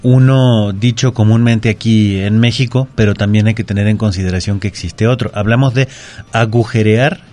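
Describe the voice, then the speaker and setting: A man with a Mexican Spanish accent speaks in a fairly low voice from a radio studio. He explains grammar patiently and methodically, spelling words out letter by letter. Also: fairly even intonation, moderate pace, darkish tone. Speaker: language teacher on a radio grammar segment.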